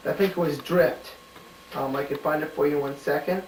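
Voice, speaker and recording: A man giving casual spoken answers to study questions, halting and full of "you know" and "um", thinking aloud as he searches a book. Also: fairly high pitch, steady tone, a little hiss or hum. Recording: roomy home recording from a distant mic.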